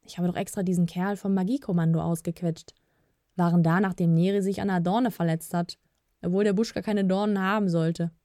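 A woman's voice: lowish voice, fairly even intonation, fairly quick, dark tone, dry recording, clean studio sound, natural voice. A woman voicing a fussy, self-important male elf who talks with pompous airs, in a storybook reading. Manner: pompous, rising and sheepish.

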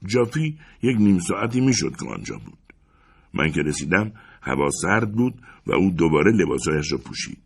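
A male audiobook narrator with a very low voice and a husky grain. He reads the novel expressively, and his pitch swings widely as he paints each scene. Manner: expressive, dramatic reading.

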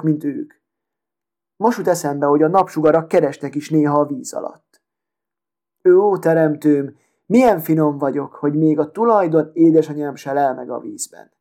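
A man's voice: on the high side, mellow, natural voice. A man voicing a vain, haughty female sewing needle who talks in a proud, affected, self-important way. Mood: proud, dreamy.

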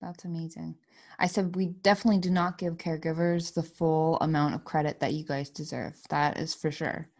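A woman hosting an interview, soft and encouraging, answering with short affirmations. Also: low-pitched, fairly even intonation, a little fast, vocal fry. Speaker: podcast host. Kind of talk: casual interview.

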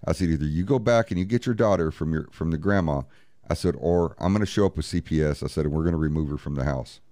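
With a very deep, mellow voice and a fast delivery, a man tells a story in an interview as a paranormal investigator. He bluntly re-enacts every exchange, swearing and using "he goes" and "I said," and there's no echo.

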